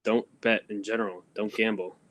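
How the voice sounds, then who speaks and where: A man's voice: on the low side, little pitch movement, brisk, fairly bright tone, no echo. A young man co-hosting a casual podcast, telling long rambling stories full of ums and laughs. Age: young adult. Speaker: podcast co-host. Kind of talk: casual chat. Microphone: phone.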